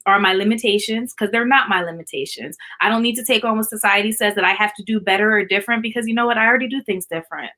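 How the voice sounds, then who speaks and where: A woman's voice: medium pitch, quick pace, hardly any pauses, bright, forceful tone. A woman speaking as an art therapist guest in a casual live-stream chat, explaining earnestly and repeating key points for emphasis.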